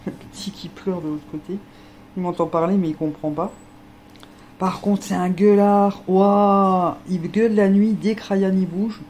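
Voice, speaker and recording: A woman's voice: mid-range voice, fairly even intonation, measured pace, a little mellow, a little hiss or hum, rough recording. A woman vlogging outdoors in a dog enclosure, chatting to viewers with a slight lisp and cooing baby talk to her dogs. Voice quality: slight lisp from new teeth. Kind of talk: casual vlog chat with pets.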